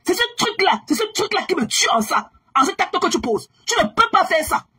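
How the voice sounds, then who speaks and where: A woman on social media delivering a heated, scolding gossip rant, repeating herself and swinging between low and raised voice. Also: big pitch swings, brisk, pushed and bright.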